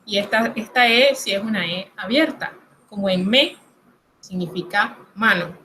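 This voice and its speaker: Woman, French teacher, slow deliberate pace, patient and reassuring, faint background noise. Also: medium pitch, expressive, sharp tone, low-quality recording. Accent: Latin American Spanish. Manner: patient, reassuring, explains step by step. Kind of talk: recorded lesson explaining pronunciation.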